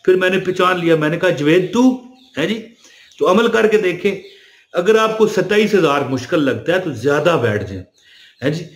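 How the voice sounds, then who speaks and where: A man's voice: fairly high pitch, lively intonation. Man giving a chatty spiritual talk, echoey room. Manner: chatty, addresses listeners with "ji" fillers. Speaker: religious speaker. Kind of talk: casual spiritual talk to camera.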